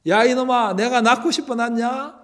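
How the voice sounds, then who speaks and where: A man voicing a tired, poor mother who speaks low and wearily. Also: big pitch swings, moderate pace. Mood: weary.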